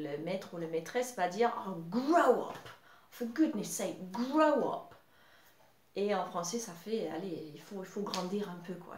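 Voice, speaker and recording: English-speaking woman teaching kids, really slow and patient, drawing out words, roomy echo. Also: mid-range voice. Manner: slow, patient, drawn-out teaching voice switching between French and English. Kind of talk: children's language lesson. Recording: echoey room.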